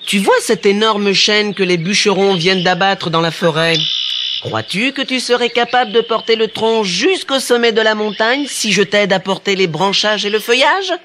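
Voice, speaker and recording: A man putting on a shrill cocky little tailor. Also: moderate pace, background noise, close to an everyday voice. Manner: shrill, boastful exclamations. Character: small, cocky, cunning male tailor. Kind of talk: storybook cassette narration.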